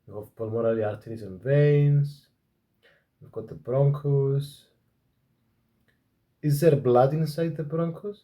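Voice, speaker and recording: A man's voice: mid-range voice, unhurried, long pauses, warm tone. A man hosting a casual study chat. He talks hesitantly, restarts his sentences and teases his partner. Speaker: student and podcast host.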